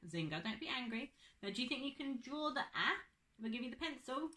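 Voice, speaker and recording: A woman's voice: high voice, expressive, fast talker, bright, forceful tone. A young woman teaching a phonics lesson to children, patient and drawing out her words.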